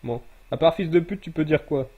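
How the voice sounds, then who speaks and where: A man's voice: a little high, brisk, warm tone, husky, lo-fi sound. A man streaming a game over voice chat, mockingly lecturing a player like a stern parent. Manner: teasing, mock-parental. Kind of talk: casual gaming stream chat.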